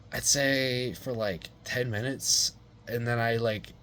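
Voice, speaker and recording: A man's voice: medium pitch, a bit bright, a little hiss or hum. A young man casually telling a rambling personal story, full of swearing, slang and fillers.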